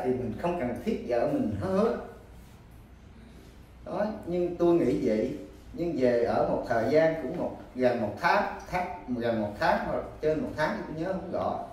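A man from Cà Mau with a southern Vietnamese Mekong Delta accent, telling in a halting, repetitive way how he has searched for his wife. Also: on the high side, a little mellow. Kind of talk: personal account in an interview. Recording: very echoey, distant, faint background noise.

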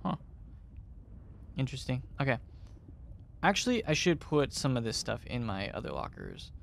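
A man's voice: medium pitch, wildly swooping pitch, moderate pace, creaky, a little hiss or hum. A man giving let's play commentary, chatty and thinking aloud as he plays, often unsure of himself. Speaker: gamer.

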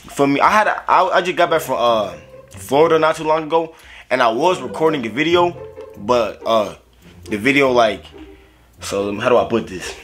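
A man's voice: medium pitch, a bit bright. A young man hosting his own vlog, chatting casually in slang with lots of cursing and rambling restarts. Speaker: YouTube vlogger host. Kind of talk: casual mukbang chat. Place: fast-food restaurant.

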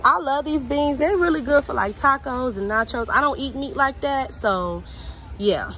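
This young American woman's high-pitched, bright voice has a forceful edge as she talks directly to viewers at a moderate pace. It's a casual shopping vlog filmed in a large warehouse store, roughly recorded, with faint ambient store sound.

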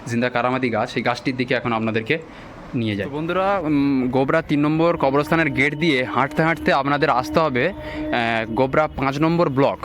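Softly spoken man, noisy recording. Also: medium pitch. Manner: deliberately hushed, speaking softly in a cemetery. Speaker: vlog host and guide. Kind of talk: walking-tour vlog narration for viewers. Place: outdoors in a cemetery. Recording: clearly noisy on-location ambient sound.

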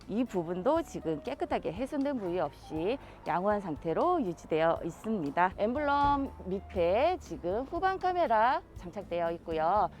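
A woman with a fairly high voice and very animated intonation gives a used car walkaround. Her delivery is polished, reassuring sales patter in a formal register. Soft music runs behind her. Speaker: used car dealer presenter.

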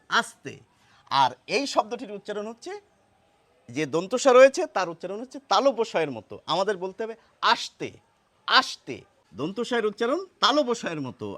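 A man giving a short pronunciation lesson, explaining step by step and repeating example words with care. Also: high voice. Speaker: language teacher.

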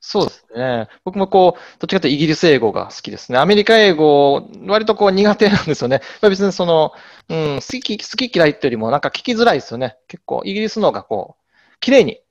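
A male interviewer talks quickly, with a lively, swooping pitch and a polite manner. His voice comes through dull and lo-fi, and he keeps nodding along with short agreeing words. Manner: polite, lots of agreeing backchannels. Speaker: host, interviewer. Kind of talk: casual interview. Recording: dull lo-fi audio.

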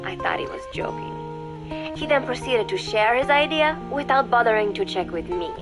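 A woman voicing a reserved teenage girl recording an audio diary for a game, speaking in a measured, formal way that drops softly toward a whisper. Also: a little high, lively intonation, music in the background, low-quality recording. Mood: reflective. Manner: measured, formal, quiet with soft whispered dips.

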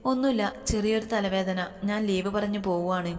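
A woman's voice: medium pitch, a little fast, a little mellow, soft background music, natural voice. A woman reading an emotional, sulky young wife. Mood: pleading. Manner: pleading, sulky, teasing. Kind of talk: storybook reading. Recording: long hall reverb.

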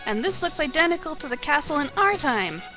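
A woman's voice: high-pitched, big pitch swings, brisk. A woman streaming a game and reading character dialogue aloud in a casual, earnest way, with game music behind her. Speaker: let's play streamer voicing game characters.

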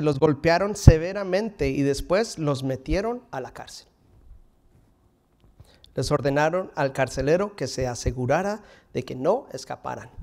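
A man in his thirties delivers a sermon from a stage in a fairly high voice. He preaches with animation, leaning into strong lines and then falling to hushed, intimate phrases. The room mic picks him up from across the stage. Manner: animated preaching, dropping to near whispers for emphasis. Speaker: pastor. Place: stage in front of a curtain, indoors.

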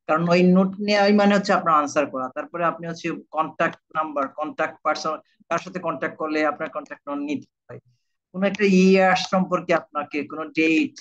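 Raised-pitch male teacher, lo-fi audio. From Bangladesh. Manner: repetitive, keeps checking understanding with students. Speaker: IELTS teacher. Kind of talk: live online class lecture.

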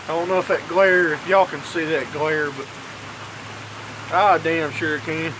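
A young vlogger films himself on a phone propped on its kickstand on a covered porch while heavy rain falls, reviewing dip tobacco. He rambles casually, cursing often in a laid-back drawl, his voice on the high side, even in intonation and unhurried, against a noisy background.

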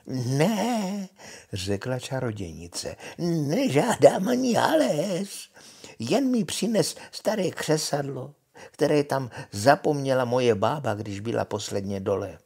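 An older grandfather voicing a scheming old witch woman in a read-aloud fairy tale, pushing her words high and coaxing. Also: sing-song, gravelly, darkish tone, husky, exaggerated voice. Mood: insistent.

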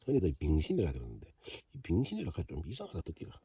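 A man's voice: low-pitched, wildly swooping pitch, fast, mellow, breathy edge, no room sound, distant mic. A man with a Gyeongsang accent hosting a fishing vlog on a frozen lake, chatty and joking, talking to himself and the fish. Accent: Gyeongsang Korean. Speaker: fishing channel host. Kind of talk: casual fishing vlog commentary.

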